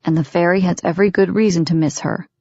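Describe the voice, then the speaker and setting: A rough-voiced, dominant grown man in an audiobook, clipped and commanding, as a woman reader puts him on. The voice sits low, and the recording is dull and lo-fi with a dry, close sound. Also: normal speed, a little mellow, no echo. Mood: gentle. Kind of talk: audiobook character voice.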